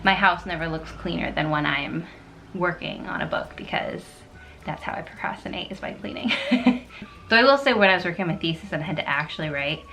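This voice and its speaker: A woman's voice: lowish voice, gravelly, pushed and bright. A young woman vlogging casually from her home office, chatty and rambling, laughing at herself often. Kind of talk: casual productivity vlog. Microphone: camera mic.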